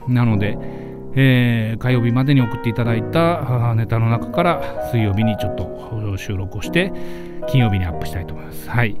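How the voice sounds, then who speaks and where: A man with a Kansai accent hosting his own comedy radio show, talking in a laid-back, chuckling way and reading listener submissions. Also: medium pitch. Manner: laid-back, chuckling, polite sign-offs. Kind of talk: solo comedy radio talk.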